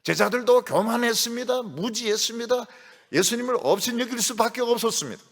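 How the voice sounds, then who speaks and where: A male pastor preaching a sermon to his congregation in a church, speaking with a lively, animated delivery. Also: very high-pitched, brisk, long reverb tail. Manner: animated preaching, rising to shouts when voicing Jesus's rebuke. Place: church sanctuary.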